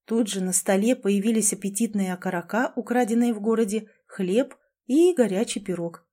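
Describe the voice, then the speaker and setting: Woman, storybook narration, mellow, warm, middle pitch. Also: normal speed. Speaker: audiobook narrator.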